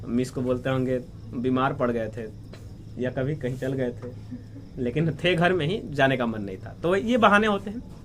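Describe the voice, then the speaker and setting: A man's voice: mid-range voice, a bit bright, slight background noise. A man, teaching a class story line by line and asking his students questions. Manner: explains slowly, asks questions and answers them himself. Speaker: English teacher. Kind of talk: line-by-line lesson explanation.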